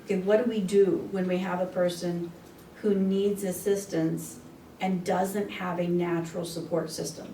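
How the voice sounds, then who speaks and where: A woman attorney explaining things over a video call, her voice fading in and out as she answers questions with halting restarts. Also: on the low side, flat delivery, warm tone. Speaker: attorney giving a presentation. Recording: echoey, distant call audio with faint noise.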